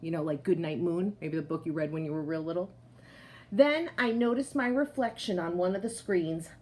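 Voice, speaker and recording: A woman whose voice is on the low side reads a picture book to children at a moderate pace. She performs it expressively, much like a teacher, and adds warm asides directed at the kids.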